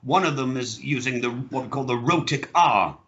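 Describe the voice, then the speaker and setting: A teacher on a video call drills his students on pronunciation, correcting them firmly and tossing in opinionated asides. His voice is bright and forceful. The call audio is slightly dull and muffled. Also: mid-range voice, moderate pace. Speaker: English teacher. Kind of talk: online English lesson.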